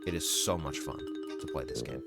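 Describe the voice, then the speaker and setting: A man's voice: a bass voice, moderate pace. A man giving casual, enthusiastic game review commentary, swearing now and then. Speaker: gaming commentator. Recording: voice-over with clear background music.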